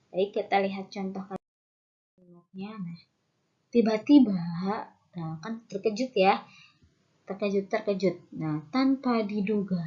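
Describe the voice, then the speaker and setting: A woman's voice: mid-range voice, lo-fi sound. A woman teacher giving an online lesson to her students, patiently repeating key terms and talking with many fillers.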